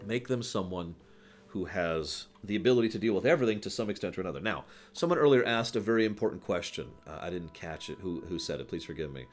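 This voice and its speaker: With a low, expressive voice and a fast delivery, a male livestream host talks informally about video games, explaining emphatically and tossing in quick tag questions to confirm his audience understands. There is slight background noise.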